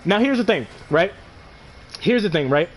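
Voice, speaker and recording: Excitable high-voiced young man ranting. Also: normal speed, a little hiss or hum. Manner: excited, animated, swears a lot, slangy. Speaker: gaming commentator. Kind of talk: casual gameplay commentary.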